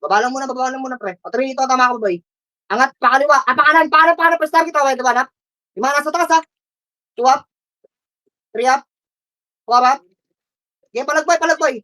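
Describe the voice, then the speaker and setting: A high-voiced woman leads her team through an online match in live voice chat. She rattles off quick, repeated orders and countdowns at a fast clip, swearing freely as she goes. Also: pushed and bright. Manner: rapid repeated commands and counts, frequent swearing. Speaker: team shotcaller in an online game. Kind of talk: live gaming voice chat callouts.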